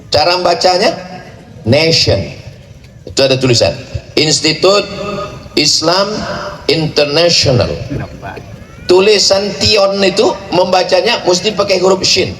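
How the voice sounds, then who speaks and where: A man preaching to a large gathering, playful and joking, rattling off rapid chanted recitation. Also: high-pitched, big pitch swings, fairly bright tone. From Indonesia. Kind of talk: sermon at a large religious gathering. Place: large outdoor or hall gathering at a boarding school. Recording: echoey venue with faint ambient noise.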